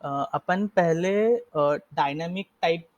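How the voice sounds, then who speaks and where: Young male coding tutor, slightly high voice, casual step-by-step explainer, dull lo-fi call audio. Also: slow. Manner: casual, explains step by step, frequent self-corrections. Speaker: coding instructor. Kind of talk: live coding lesson.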